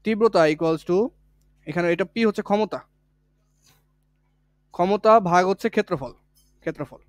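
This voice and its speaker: Male physics tutor, high-pitched, dry close sound, drills key points by repetition. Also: dry recording. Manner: explains step by step, repeating key points; colloquial, with village words. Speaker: physics teacher. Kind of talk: online exam-prep lesson.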